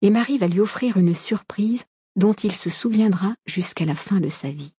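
A woman reading a novel aloud as an audiobook narrator, calm and measured, recorded on a close studio microphone. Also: mid-range voice, breathy edge, no room sound. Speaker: audiobook reader.

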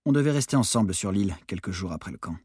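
A man narrating an audiobook in a calm, quiet first-person manner. His voice sits low and a little husky, recorded close and dry with no room sound. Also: very fast, no room sound.

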